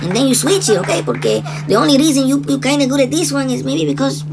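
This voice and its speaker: A man's voice: very high voice, animated, fast, gravelly, pitched above the performer's own voice, exaggerated voice. A man voicing a clumsy male toy reviewer who fumbles through a fake Jamaican accent and then slips into Spanish-sprinkled English. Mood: lecturing. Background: loud music.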